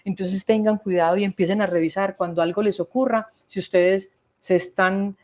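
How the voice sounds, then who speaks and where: A woman's voice: mid-range voice, fairly even intonation, normal speed, a little mellow. A woman gives a workshop talk on communication, explaining step by step and asking rhetorical questions. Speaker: workshop speaker.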